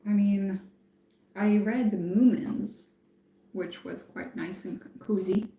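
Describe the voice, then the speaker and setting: A woman's voice: mid-range voice, fairly even intonation, takes it slowly, creaky, dark tone. Hesitant woman musing in an echoey room. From France. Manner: hesitant, thinking aloud with many fillers. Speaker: streamer. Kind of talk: casual live-stream chat.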